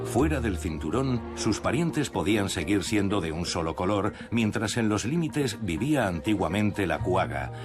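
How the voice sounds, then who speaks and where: A man with a fairly low voice narrates a nature documentary from a script. Music plays clearly behind him as he speaks. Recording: music under the voice. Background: prominent music.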